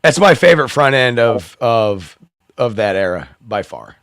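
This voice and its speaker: A slightly hoarse man hosting a live open-mic stream, rambling, swearing and laughing in casual chat. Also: mid-range voice, expressive, unhurried, a bit bright, dry recording, clean studio sound.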